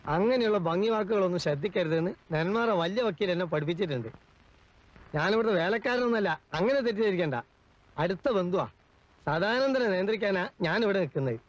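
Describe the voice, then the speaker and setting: An actor playing a talkative, quick-tongued middle-aged male house servant in a 1980s film comedy scene. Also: sits high, animated. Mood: boastful. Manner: quick-tongued, argumentative, comic. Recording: dull lo-fi film soundtrack.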